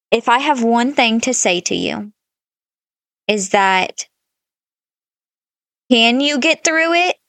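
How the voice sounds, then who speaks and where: A woman's voice: on the high side, a bit bright, dry recording, clean studio sound. A woman in her thirties co-hosting a podcast, giving blunt, emphatic advice in casual chat and swearing often. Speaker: podcast co-host.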